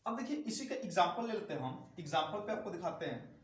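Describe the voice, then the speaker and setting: A man's voice: high voice, very animated, fast talker, recorded from a distance. A man teaching a grammar lesson, explaining step by step, repeating key sounds and asking the class rhetorical questions. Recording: echoey room, voice from off-mic.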